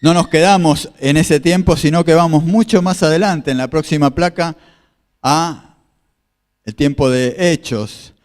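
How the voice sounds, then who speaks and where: This slightly high, darkish male voice moves a little slowly, trailing a long reverb tail. He's a Spanish-speaking pastor from Argentina giving a sermon with slides, explaining scripture through repeated phrases and questions aimed at the congregation.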